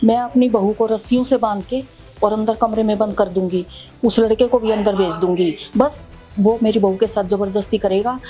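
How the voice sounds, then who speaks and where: A woman's voice: mid-range voice, moderate pace, over music, lightly acted. Woman playing a scheming, begging mother-in-law. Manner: pleading, repeats "beta" while crying. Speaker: actor in a family drama short. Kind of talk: melodramatic short-film acting.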